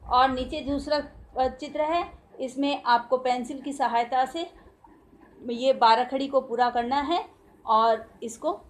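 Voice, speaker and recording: A woman teacher with an Indian Hindi accent giving a recorded grammar lesson to young children, sounding out syllables slowly for them to repeat. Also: high voice. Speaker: school teacher.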